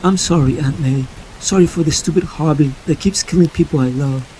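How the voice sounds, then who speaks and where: A man's voice: a little high, brisk, dark tone, a little hiss or hum, natural voice. A man voicing a guilt-ridden young superhero who sounds panicky and blames himself. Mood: guilty. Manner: panicky, self-blaming. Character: young adult male superhero, anxious and guilty.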